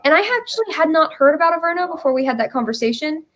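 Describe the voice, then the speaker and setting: With a high, slightly bright voice, a young woman races through a casual story as an interview guest. She writes musicals and acts out little snippets of dialogue along the way.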